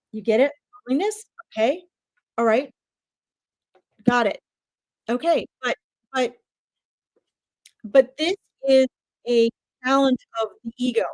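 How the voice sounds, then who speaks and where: Brief: woman, 50s, higher voice, chatty psychic medium on a live stream, dry close sound. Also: no echo, low-quality recording. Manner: chatty, animated, talks straight to viewers. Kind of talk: live-stream reading, addressing viewers.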